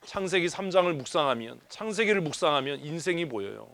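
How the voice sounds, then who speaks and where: A man preaching a sermon in church, quizzing the congregation and dropping from loud urging to low asides. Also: animated, fast talker, creaky, no room sound. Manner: swings from hushed low asides to loud exhortations; asks the congregation questions and mimics grumbling people. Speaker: pastor. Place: church sanctuary.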